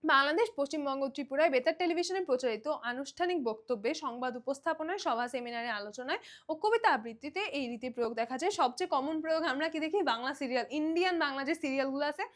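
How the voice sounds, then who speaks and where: A young woman from Bangladesh talks through a grammar lesson for exam students. Her voice sits high, and she explains in a loose, conversational way, slipping in English words and often pausing to check that her students are following. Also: lively intonation, fairly bright tone. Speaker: teacher. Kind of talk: online exam-prep lesson.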